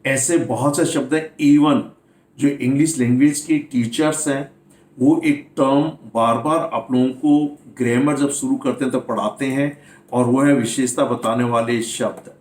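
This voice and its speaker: A man gives an English pronunciation lesson in Hindi sprinkled with English words. He explains patiently and spells each word out letter by letter at a middling pitch. The sound has a roomy echo. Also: fairly even intonation, a little slow, a little mellow. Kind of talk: classroom-style video lesson.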